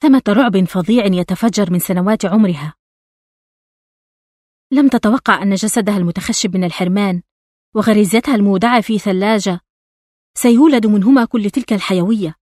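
A woman reading a novel aloud as an audiobook narrator, in a measured, intimate storytelling manner. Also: mid-range voice, darkish tone, dry recording, studio quality.

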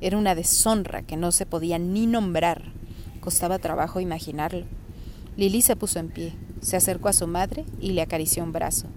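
A woman calmly reading a chapter of a novel aloud, narrating in a steady way. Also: fairly low pitch, fairly quick, a little hiss or hum. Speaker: reader.

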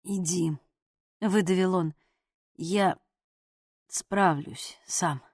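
Woman doing a proud, injured young guy, low and strained, dry close sound. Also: measured pace, no room sound, lightly acted. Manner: strained, muttered, dry mocking. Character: wounded stubborn young man, gruff and proud.

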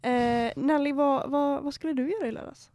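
A woman's voice: sits high, fairly even intonation, a little mellow, dry recording. A young woman co-hosting a podcast, chatting casually and laughing as she retells what happened. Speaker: podcast host. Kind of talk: casual chat.

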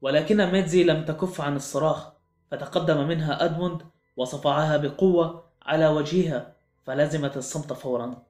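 A man reads a mystery audiobook with dramatic, suspenseful delivery. His voice sits a little high for a man. A roomy echo and faint background music run under the narration. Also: fairly even intonation, fairly quick, darkish tone. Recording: echoey room with faint music.

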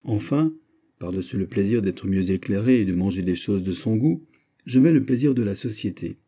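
A man voicing a bold, jovial male musketeer who flatters and teases his dinner companion. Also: lowish voice, moderate pace. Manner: bright, exclamatory, bantering.

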